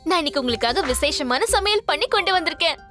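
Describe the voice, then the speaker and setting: A woman's voice: sits high, animated, fast talker, over music. An actress playing an eager young woman who coaxes a blindfolded king to taste her food, in a TV serial. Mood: playful. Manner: playful, coaxing. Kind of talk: TV serial acting.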